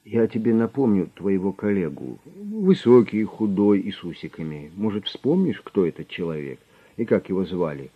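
A man voicing a calm, menacing middle-aged gang boss who mocks his captive with cold smugness. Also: on the low side, moderate pace, breathy edge, narrow, tinny audio. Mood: cold, mocking. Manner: smug, coldly mocking.

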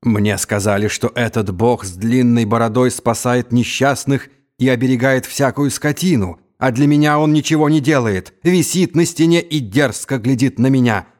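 A man's voice: mid-range voice, moderate pace, hardly any pauses, a little mellow, lightly acted. A man voicing a drunken, raging young Mongol khan who is suspicious and given to wailing outbursts. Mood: wild, drunken.

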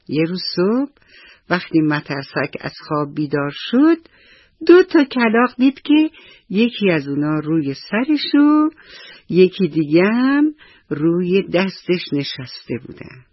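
A man narrates a children's bedtime story for radio, often turning to speak to the young listeners. His voice sits fairly high and a little husky. The studio recording is dry and dull. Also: big pitch swings, no room sound. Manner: warm address to children.

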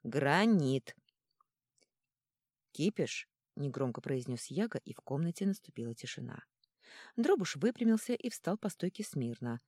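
A woman reads a fantasy audiobook with a low, mellow voice that rises and falls expressively. The sound is close-miked and dry, with no room around it. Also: a little fast, dry recording. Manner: expressive, lively narration. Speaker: audiobook narrator.

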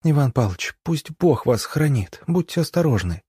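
A man's voice: a little high, very animated, moderate pace, warm tone, breathy edge, no echo, clean studio sound, pitched above the performer's own voice, exaggerated voice. Man voicing a pleading young village nurse. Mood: softly fearful. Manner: insistent, urgent pleading. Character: young village hospital orderly woman, stubborn and pleading.

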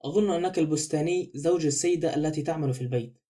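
A fussy middle-aged detective, measured and probing, speaks briskly in a warm, mellow tone, as a man reads him in a storybook. His delivery is reflective and unhurried in thought, though the words come quickly. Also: on the high side, lightly acted. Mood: calm, probing.

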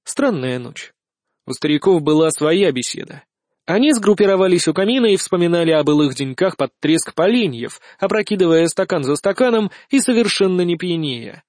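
Male audiobook narrator, fairly high voice, lively and ironic, dry close studio sound. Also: normal speed, no room sound. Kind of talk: first-person audiobook narration.

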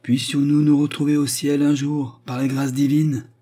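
A man's voice: on the high side, level tone, moderate pace, dark tone, voice pushed up, lightly acted. A man voicing a haughty, sanctimonious aristocratic lady who talks with indignant emphasis. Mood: pious.

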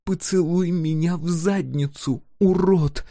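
A man's voice: a little high, steady tone, takes it slowly, dark tone, dry recording, clean studio sound, voice pushed up. A man playing a defiant young woman pilot. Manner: defiant, spitting insults. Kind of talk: audiobook character voice.

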